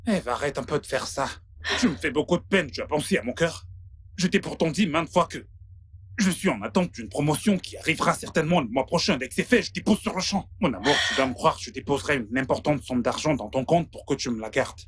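A stammering, pleading broke boyfriend. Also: male voice, fairly high pitch, expressive, a little fast, fairly bright tone, slight background noise. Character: broke young man pretending to be rich, pleading boyfriend. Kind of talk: French dub of a film.

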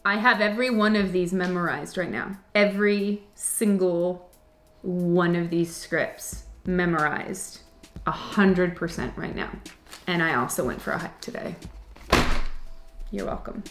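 Bright-voiced woman chatting playfully to camera. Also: fairly low pitch, measured pace, faint music behind. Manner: chatty and playful, laughs often. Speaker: channel host answering viewer comments. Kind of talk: casual chat to camera. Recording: echoey room.

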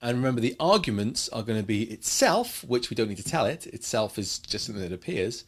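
A man's voice: medium pitch, very animated, brisk, breathy edge. A man teaching a coding lesson in a chatty way, explaining with playful asides. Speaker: programming teacher.

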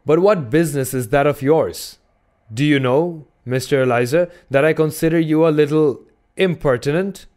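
A man voicing a brisk, impatient young male sailor in an audiobook, curt and dismissive. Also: on the high side, a little mellow, pitched above the performer's own voice, natural voice. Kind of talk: audiobook character voice.

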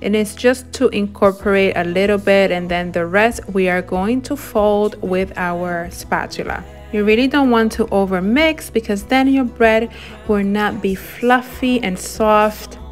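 A woman narrating her home decorating and baking in a gentle, enthusiastic voice-over, walking through each step. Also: mid-range voice, measured pace, faint music behind. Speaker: home and cooking vlogger.

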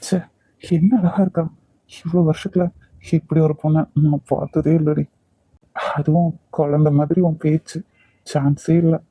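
A man's voice: fairly high pitch, flat delivery, moderate pace, pauses often, mellow, husky, dry recording. A man voicing a cocky male college senior with a Kanyakumari Tamil accent, teasing and domineering. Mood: smug.

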